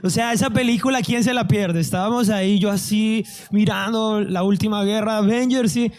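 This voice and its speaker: Guy giving his church testimony, kinda high voice, mellow tone, acts out the dialogue. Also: normal speed. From Colombia. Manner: animated storyteller, acts out dialogue. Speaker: testimony speaker.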